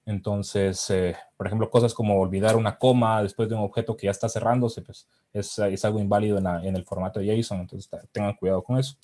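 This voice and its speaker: A man with a low, mellow voice runs a live technical demo. He thinks aloud and often restarts his sentences as he types commands. Faint keyboard clicks sit behind him. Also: steady tone, slight background noise. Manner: halting, frequent restarts while typing commands. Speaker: presenter giving a live demo.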